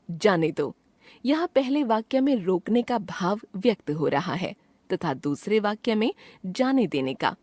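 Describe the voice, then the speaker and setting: A woman reading a grammar chapter aloud as a lesson, in a clear, measured way, giving her example sentences some expression. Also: mid-range voice, a little mellow, no echo. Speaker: teacher reading a textbook chapter. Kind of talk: scripted narration of a grammar lesson.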